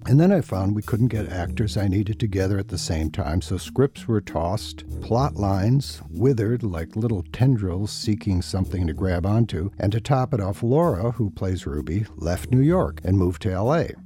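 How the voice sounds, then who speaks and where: Deep, animated, wry male podcast host. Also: moderate pace, hardly any pauses. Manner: wry, self-deprecating storyteller. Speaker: podcast host and series writer-producer. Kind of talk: scripted podcast narration. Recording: music behind the voice.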